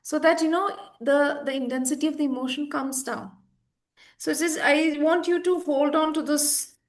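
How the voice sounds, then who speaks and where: Woman, high voice, earnest practitioner who leans on repetition. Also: fairly even intonation, normal speed. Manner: earnest, repeats words for emphasis. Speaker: EFT practitioner guest. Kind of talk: conversational explanation.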